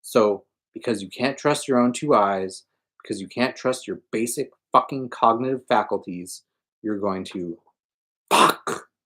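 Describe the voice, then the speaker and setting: Man reading as an explosive, swearing young guy, husky, voice pushed up high and loud. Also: normal speed. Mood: ranting. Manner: shouting, raised and strained. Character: angry, foul-mouthed young man, volatile.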